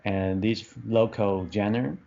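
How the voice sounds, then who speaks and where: His voice is on the low side, warm and creaky, slow-paced with a steady tone, heard through dull lo-fi podcast audio. He's a film director from Taiwan in his fifties, hesitantly answering interview questions in English, full of fillers and restarts as he hunts for words.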